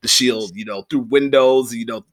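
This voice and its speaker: A young man co-hosting a casual podcast, talking in an animated way with lots of "you know" fillers and bursts of laughter. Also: mid-range voice, moderate pace. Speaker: podcast co-host.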